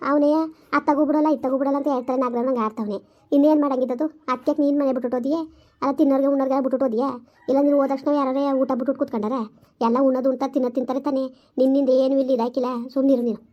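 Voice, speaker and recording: A middle-aged woman playing a weary mother who hushes her angry daughter and complains of her own hardship in a village comedy skit. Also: high voice. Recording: dull lo-fi audio.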